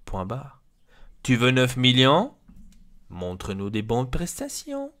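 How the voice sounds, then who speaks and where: A man's voice: medium pitch, huge pitch swings, takes it slowly, fairly bright tone, full character voice. A man voicing a blunt, crude male football club boss who scolds his players, in an Italian accent. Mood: scolding.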